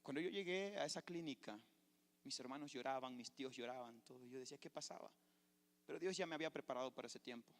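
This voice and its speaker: In an echoey church sanctuary, a pastor delivers a sermon with fervor, weaving in his own testimony as a story. His mid-range voice moves along at a quick pace.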